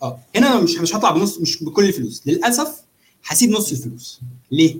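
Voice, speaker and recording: Very fast-talking Egyptian man, explaining. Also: high-pitched. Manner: animated explainer, often checking with the listener. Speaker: trader demonstrating chart analysis. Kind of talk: casual live walkthrough of a trading simulation.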